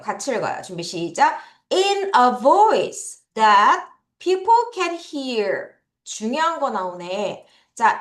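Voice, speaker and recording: A woman's voice: high voice, a bit bright, roomy sound. A woman with a Korean accent teaching English vocabulary in an online lesson, asking students questions and having them repeat words after her. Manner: drills pronunciation, asks students to repeat.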